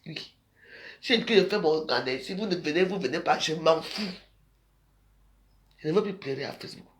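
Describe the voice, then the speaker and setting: A man's voice: on the high side, moderate pace. A man delivering a scolding, rambling monologue to his social media followers in a confrontational way. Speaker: social media video maker.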